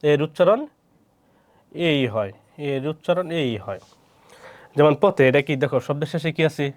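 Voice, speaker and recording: A man leads an exam-prep lesson, quizzing the class, answering his own questions, and saying each word twice. His voice is on the high side and animated, at a normal speed.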